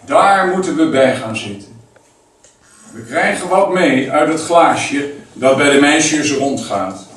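A man tells a first-person memoir in a slow, deliberate storytelling voice that sits fairly high for a man. He is heard from some distance in a very echoey space. A faint hiss of noise runs underneath. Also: expressive, fairly bright tone. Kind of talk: reading a memoir aloud.

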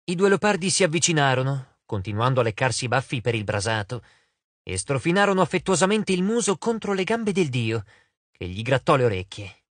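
A man narrating an audiobook with expressive storytelling. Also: mid-range voice, brisk, no room sound.

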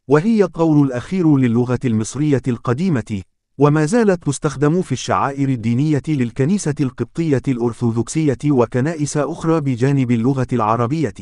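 A man giving scripted documentary narration, reading facts and figures in a steady, even way. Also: mid-range voice, no room sound, clean studio sound.

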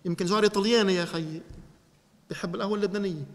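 Fast, animated Lebanese preacher man. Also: high-pitched, big-room sound. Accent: Lebanese Arabic. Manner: animated, addresses listeners directly. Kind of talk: teaching sermon to a congregation.

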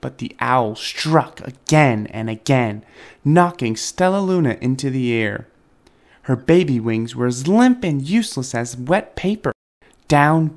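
A man reading a children's picture book aloud in a gentle, expressive storytelling manner. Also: mid-range voice. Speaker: storybook reader, dad.

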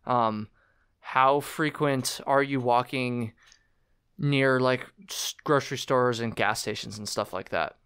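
A young man hosting a podcast, chatting casually in a relaxed, slangy way. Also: medium pitch, takes it slowly, clear, resonant tone. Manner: relaxed, slangy, laughs easily. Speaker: podcast host. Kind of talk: casual interview chat.

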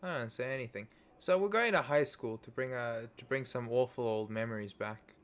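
While waiting for a game to load, this young gaming video creator talks casually with a friend on a voice call. He has a brisk, mid-range voice and keeps joking and musing with mock drama.

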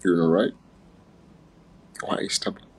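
A man's voice: low-pitched, steady tone, normal speed, husky, rough recording. A man from Uganda hosting a casual, playful livestream chat on his phone, chatting and laughing often. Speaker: livestream host.

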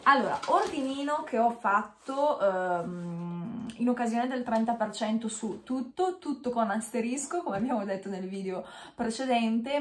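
A woman in her thirties chatting casually to camera while wearing a dental retainer, hesitant and correcting herself as she goes. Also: medium pitch. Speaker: beauty vlogger. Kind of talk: casual chat unboxing to camera. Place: small indoor room with bare walls. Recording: echoey small room.

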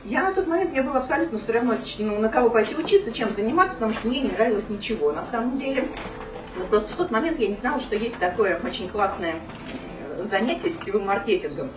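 A woman's voice: fairly high pitch, animated, fast, noisy background. A woman in her thirties telling her own story to a small audience, chatty and full of fillers, filmed from across a small office room. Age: 30s. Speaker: speaker at a business meeting. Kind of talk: personal story talk to an audience. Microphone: far camera, no mic. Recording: roomy, distant camera sound.

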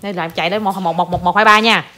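A woman's voice: on the low side, steady tone, racing, bright, forceful tone. A mother with a Southern Vietnamese accent, chatting playfully to her toddler and to viewers, teasing and slipping in English words. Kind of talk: casual home video chat.

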